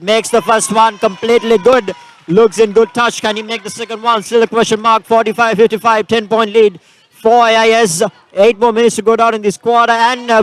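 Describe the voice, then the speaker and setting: A man's voice: very high-pitched, a bit bright, a little hiss or hum. A man calling a school basketball final live, rattling off passes and scores with frequent fillers. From Sri Lanka. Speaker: basketball commentator. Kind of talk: live sports play-by-play.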